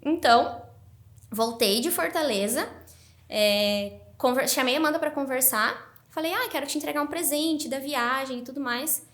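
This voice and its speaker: A woman's voice: high-pitched, moderate pace. A woman guest on a podcast, telling her story animatedly in a casual interview. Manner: animated, excited narration.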